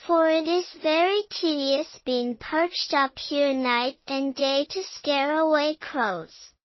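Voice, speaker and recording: A woman's voice: high-pitched, dry recording, highs cut off, pitched above the performer's own voice. A woman voicing a friendly, naive male scarecrow in a storybook, speaking politely and formally. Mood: glum. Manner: polite, formal, slow-spoken. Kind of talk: storybook character dialogue.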